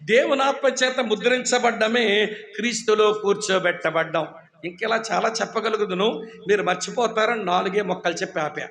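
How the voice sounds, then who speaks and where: A man preaching a sermon, firing questions at the congregation for call-and-response and teasing listeners who doze off. He says he preaches loudly. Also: sits high, moderate pace, slight background noise. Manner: teasing, humorous about dozing listeners. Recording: echoey hall.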